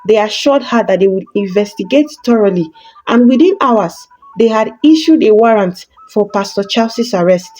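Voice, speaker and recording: A woman narrating a scripted dramatic folktale in a measured, suspenseful storytelling manner. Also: medium pitch, animated, low-quality recording. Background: soft background music.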